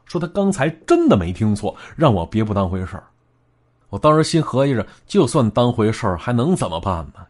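A man with a husky edge tells a creepy first-person tale. His pitch swings widely as he acts out each person in the story, dropping low for some and jumping high for others. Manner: animated, acts out quoted voices with big pitch jumps. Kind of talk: spooky story narration.

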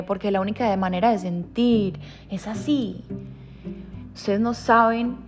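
A woman in her thirties giving a reflective motivational monologue, heartfelt and emphatic, sometimes dropping to a soft hush. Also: a little high. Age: 30s. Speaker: personal growth speaker.

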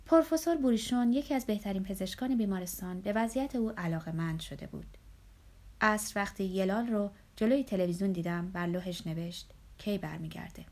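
A woman reading a first-person novel aloud. Her delivery is steady and measured in a mid-range voice. She carries long narrative passages without hurry. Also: mid-range voice. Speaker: audiobook narrator.

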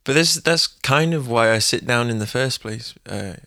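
A man, a musician guest talking in a relaxed, rambling way with many pauses and fillers. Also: mid-range voice, dry recording, clean studio sound. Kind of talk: casual interview talk.

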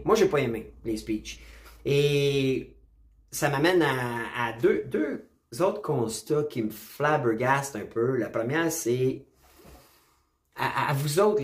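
Speaking straight to camera with a Quebec French accent, a political commentator delivers a casual opinion monologue. He is blunt and emphatic, sprinkles English slang into his French, and keeps returning to the same punchy catchphrases, his ordinary-pitched voice carrying noticeable room echo.

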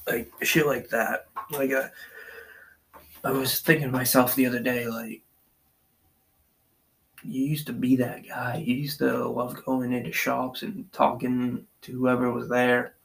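A podcast host paces back and forth in a basement, delivering a loose, profane, rambling monologue full of fillers. His mid-range voice is creaky, picked up by an extension-wired mic at uneven levels.

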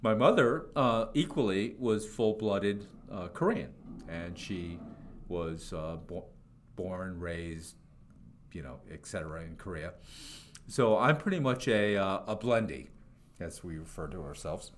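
A man's voice: sits low, lively intonation, a little slow. A man in his sixties co-hosting a podcast, chatting casually and joking with lots of fillers. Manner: jokey, rambling with many fillers. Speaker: podcast co-host. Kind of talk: casual chat.

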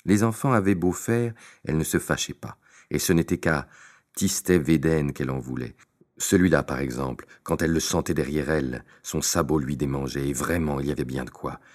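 A man's voice: very deep voice, fairly quick. A man narrating a classic tale as an audiobook, with theatrical, varied emphasis. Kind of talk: expressive storybook narration.

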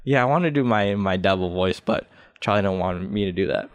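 A man talking as a guest on a podcast in casual chat, earnest and hesitant, full of pauses and restarts. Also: low-pitched, no echo.

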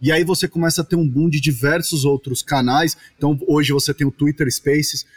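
A man from Brazil, a podcast guest, explaining his topic at length in casual chat with animated asides. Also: a little high, brisk, husky.

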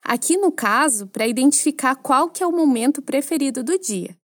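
A woman with a high voice and a Brazilian Portuguese accent gives a French lesson. She explains each phrase in a clear, teacherly way and keeps prompting the listener to repeat after her. The recording is close and dry. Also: expressive, moderate pace, no echo.

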